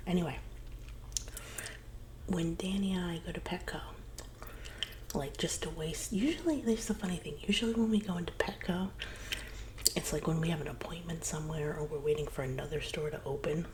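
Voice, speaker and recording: A woman whispers her way through one side of a casual conversation in a whispered role-play. Her voice is low and hushed, slipping between soft whisper and murmur in a rambling, confiding way. Clear background noise sits behind her. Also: moderate pace, long pauses, poor audio.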